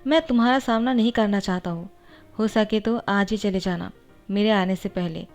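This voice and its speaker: A woman's voice: medium pitch, normal speed, darkish tone, faint music behind, close to an everyday voice. A woman voicing a weary, curt young male doctor in a storybook-style reading.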